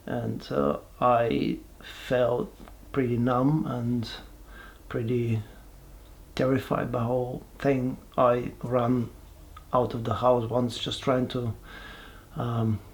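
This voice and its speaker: A man, giving a halting, reflective personal testimony with many pauses and restarts. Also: mid-range voice, level tone, vocal fry, a little mellow. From Bulgaria. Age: 40s. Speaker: person sharing his life story.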